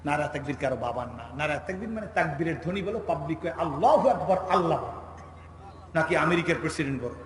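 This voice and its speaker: A Bangladeshi man, preaching a sermon at an outdoor religious gathering and teasing the crowd into shouting responses. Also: fairly high pitch, animated, very fast, few pauses. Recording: echoey outdoor PA with crowd noise.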